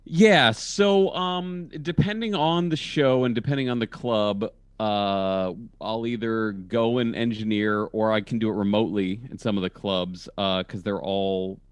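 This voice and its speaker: A man chatting over a video call about his comedy work, jumping up in pitch whenever he quotes people in his stories. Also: measured pace, hardly any pauses, clean tone, dry recording. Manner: animated storyteller with sudden pitch jumps when quoting people. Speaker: comedian and comedy label engineer. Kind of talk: casual video-call podcast chat. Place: home in a college town.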